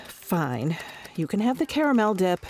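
A woman's voice: medium pitch, sing-song, unhurried, a little mellow. A woman playing a prim, weary mother who coaxes her difficult daughter with patient, careful talk.

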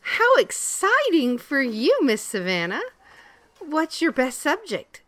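A woman's voice: sits high, wildly swooping pitch, slow, fairly bright tone, dry recording, exaggerated voice. A woman playing a cheerful, unflappable school receptionist who talks in a chirpy, friendly way.

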